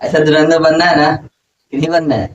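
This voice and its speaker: A man's voice: a little high, little pitch movement, moderate pace, highs cut off. A man teaching a grammar lesson to a classroom, often asking his students questions and repeating key points. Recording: distant, light background noise.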